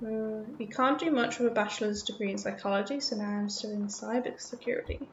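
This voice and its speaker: Chatting with viewers as she plays, this woman, British-born and partly raised in Australia, rambles in a nervous, self-conscious way. She talks fairly quickly in a steady, mid-range voice. The recording is reverberant and muffled, with a little hiss or hum.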